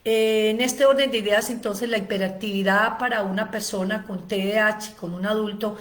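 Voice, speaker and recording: A woman's voice: medium pitch, steady tone, moderate pace. A woman giving a spoken lecture on ADHD, explaining at length with frequent "eh" fillers and long lists. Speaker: ADHD educator giving a seminar.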